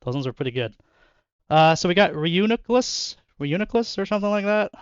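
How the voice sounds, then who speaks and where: A man's voice: high-pitched, animated, fairly quick, clear, resonant tone, dry recording, dull audio. Joking young man opening card packs. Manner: joking, laughs often, crude humor. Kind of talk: casual chat with live chat. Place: bedroom at home.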